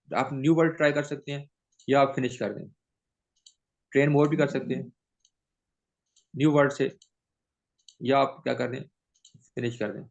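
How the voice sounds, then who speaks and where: A gravelly-voiced man leads a training class at an unhurried pace. He switches between his own language and English and keeps checking that his trainees follow along. The recording sounds dull and lo-fi. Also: mid-range voice, darkish tone. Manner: mixes English into explanations, keeps asking "theek hai?". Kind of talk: teaching a training session.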